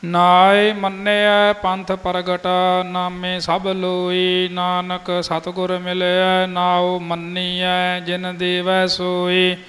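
A man reciting scripture in a slow, even, sung-through chant. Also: high voice. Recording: long hall reverb, faint music.

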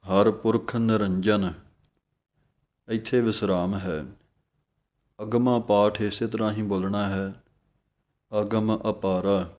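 A man teaching the correct pronunciation of a Sikh hymn, chanting each line slowly and then explaining it word by word. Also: lowish voice, a little mellow. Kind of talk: slow recitation lesson with pronunciation notes.

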